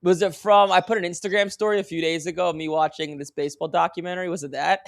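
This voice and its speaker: A man's voice: sits high, fairly even intonation, vocal fry, no room sound, clean studio sound. A man hosting a call-in show, chatting casually and informally with callers, often restarting his sentences. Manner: halting, informal, with repeated false starts. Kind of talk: casual unscripted chat with callers.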